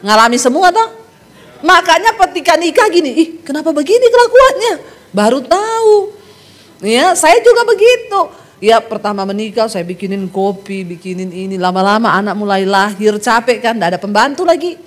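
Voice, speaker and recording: A middle-aged woman from Sulawesi preaching a humorous sermon, telling lively stories and laughing often. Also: on the high side, normal speed. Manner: lively joking storyteller who laughs often.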